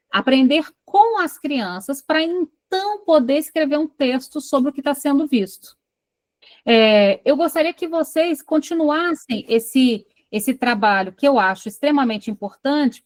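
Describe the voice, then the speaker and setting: A woman's voice: high voice, no room sound. A Brazilian woman coordinating an online psychoanalysis study group, reading a case aloud and then stopping to quiz her class. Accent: Brazilian Portuguese. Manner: reads a passage, then breaks off to quiz the class.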